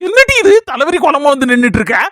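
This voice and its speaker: A man's voice: extremely high pitch, big pitch swings, quick pace, a bit bright, no echo, studio quality, heavily acted. A man with a Kanyakumari Tamil accent playing a bossy middle-aged husband who scolds and gives orders in a family comedy skit. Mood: scolding.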